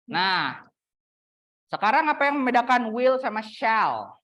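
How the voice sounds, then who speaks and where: A woman's voice: a little high, very animated, fairly bright tone. Chatty young woman lecturing a class. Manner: teasing, chatty, slows down to model English examples. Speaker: university English lecturer.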